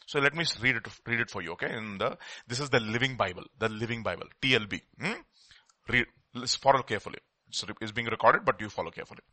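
Forceful Indian preacher, sharp bright voice. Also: male voice, medium pitch, fast, dry recording. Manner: emphatic, repeats phrases and poses questions to listeners. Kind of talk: sermon with scripture reading.

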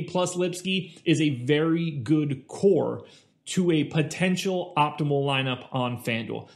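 A man hosting a fantasy sports picks show, talking through stats and rankings in a casual, conversational presenter style. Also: a little high. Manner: casual, conversational, stat-heavy delivery.

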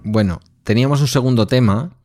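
A man's voice: medium pitch, a little fast, dark tone, no echo, studio quality, soft background music. A man the there, telling personal stories in a reflective way as a podcast co-host. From Basque Country, Spain. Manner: reflective anecdotal storyteller. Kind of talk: casual conversation.

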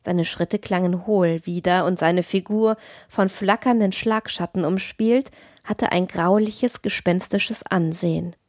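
A woman narrating a classic tale as an audiobook reader, in a measured, expressive reading. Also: on the low side, dry recording, clean studio sound.

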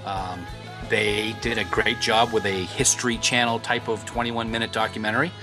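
A man's voice: on the low side, flat delivery, normal speed, music in the background. A man co-hosting a podcast, chatting casually and joking around. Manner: joking, playful, laughs often. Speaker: podcast co-host.

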